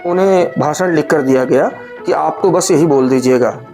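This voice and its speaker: Mellow storytelling narrator over soft music. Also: medium pitch, normal speed. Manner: storytelling, addresses listeners as friends. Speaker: narrator of a history series. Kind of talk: scripted documentary narration.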